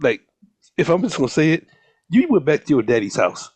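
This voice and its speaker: A man with a husky, fairly high voice co-hosts a casual podcast. His delivery swings up and down as he banters in animated, profane slang. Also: brisk. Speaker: podcast co-host. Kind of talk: casual chat.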